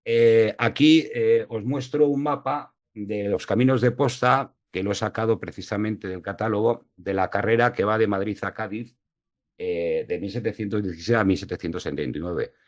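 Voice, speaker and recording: A man's voice: lowish voice, moderate pace. A man from La Mancha giving an online lecture, hesitant with many fillers, over a video call. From La Mancha, Spain. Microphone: video call mic.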